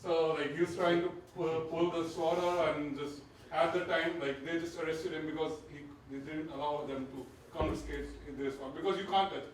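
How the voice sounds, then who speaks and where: A young man with an Indian accent works through a stand-up set in a halting, stumbling way. His voice sits slightly high. It comes from well back in a very echoey club room, with a faint hum underneath. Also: steady tone, far from the mic. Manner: halting, stumbling delivery with many restarts. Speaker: stand-up comedian.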